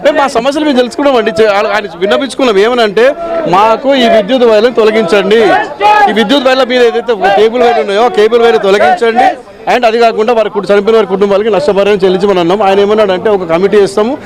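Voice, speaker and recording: A man's voice: sits high, fairly even intonation, racing, a loud crowd. A local man speaking in a street interview, angry and pleading. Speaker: local resident.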